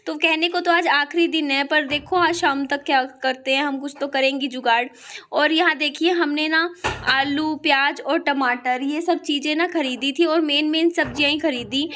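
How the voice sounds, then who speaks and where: Chatty high-voiced woman with sore throat. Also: steady tone, pushed and bright. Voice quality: high-pitched voice. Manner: chatty, full of fillers, talks fast. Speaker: family vlogger. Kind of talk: casual vlog chat to viewers.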